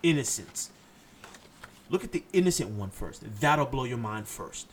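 This Haitian man hosts a solo podcast in a mid-range, sing-song voice at a measured pace, with a little hiss or hum behind him. He is blunt and impassioned, cursing freely as he lectures his listeners.

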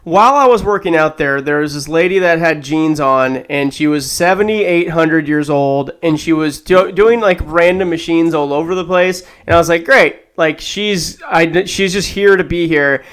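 A man's voice: a little high, normal speed, hardly any pauses, a bit bright, smooth. A man in his thirties co-hosting a podcast, telling stories in casual chat as a profane, grumbling ranter. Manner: profane, ranting storyteller. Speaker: podcast co-host.

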